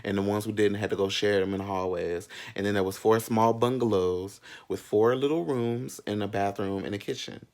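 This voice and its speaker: A man in his thirties tells a personal story in a casual, animated storytime chat, sassy, slangy and candid, with frequent asides. His voice is lowish with a darkish tone, moving at normal speed with few pauses.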